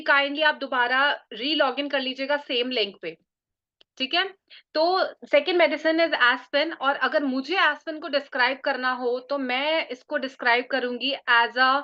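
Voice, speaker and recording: A woman teaching a live online class, mixing Hindi and English, slowing down to spell out key terms and often checking in with her listeners. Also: high voice, bright, forceful tone. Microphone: computer mic on a video call. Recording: muffled video call audio.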